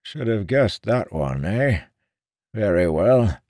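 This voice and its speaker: A man's voice: on the low side, very animated, takes it slowly, a little mellow, dry recording, clean studio sound, voice pushed up. A man voicing an irritable, pompous old male seer with a strained, raised voice in an audiobook. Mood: muttering, ominous. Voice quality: crotchety, huffy.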